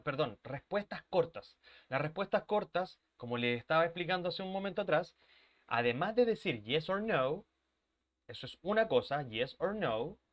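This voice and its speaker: A man with a fairly bright voice on the high side teaches an online English grammar class. He explains things step by step, checks in often with his students, and sometimes drifts away from the mic when he moves to the board.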